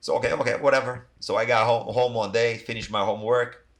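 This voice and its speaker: A middle-aged Brazilian man, a Portuguese speaker and athletic trainer, is a guest on a podcast, chatting casually in Brazilian-accented English. Rambling along with many "you know, like" fillers, he talks quickly in a steady, creaky, medium-pitched voice.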